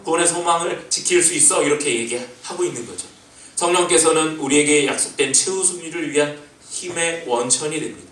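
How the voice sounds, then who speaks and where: A senior pastor preaching a Sunday sermon, voicing rebukes as questions and asking the congregation how they are doing. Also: male voice, a little high, a bit bright. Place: church sanctuary. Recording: echoey church hall from far off.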